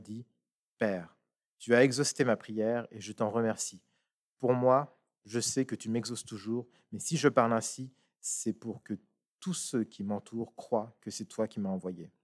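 A man reading a passage aloud and then preaching on it in a measured, emphatic way. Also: medium pitch. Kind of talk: sermon with scripture reading.

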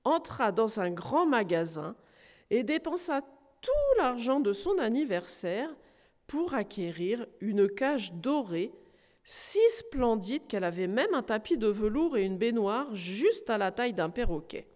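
A woman preaching who reads a storybook aloud slowly and expressively to a congregation in a church hall. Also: on the high side. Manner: slow, expressive reading. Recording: reverberant hall.

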